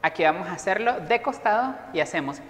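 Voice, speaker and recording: A woman music teacher giving a lively class to young children, explaining instruments and getting them to join in. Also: fairly low pitch, fast. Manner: lively, encouraging, leads children in rhythmic sound imitations. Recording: echoey room with long reverb.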